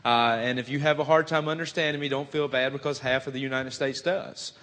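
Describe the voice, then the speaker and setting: Before his sermon, a Southern-accented preacher from Virginia, a missionary in his twenties, gives a folksy self-introduction peppered with "uh" and self-deprecating remarks. His mid-range voice is steady, slightly bright, and a little quick, echoing with long hall reverb in the sanctuary.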